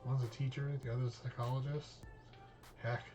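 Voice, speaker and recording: Man, streamer, reading a visual novel aloud, casual, swears freely, mid pitch. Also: level tone, brisk, music in the background. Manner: casual, reads all parts, drops in swear words.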